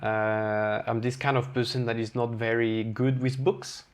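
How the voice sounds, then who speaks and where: A man with a French accent talks as a chef guest on an interview show. He tells his stories candidly and with energy, and he acts out the quoted lines in them. His voice sits at an ordinary male pitch. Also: little pitch movement, a little slow, clean tone. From France. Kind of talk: casual storytelling interview.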